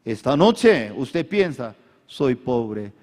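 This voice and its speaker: His voice sits in the middle range with a darkish color, swinging widely in pitch and stretching out his words as he preaches in simplified, non-native Spanish. The male pastor has the congregation repeat after him and raise their hands, all captured in an echoing hall.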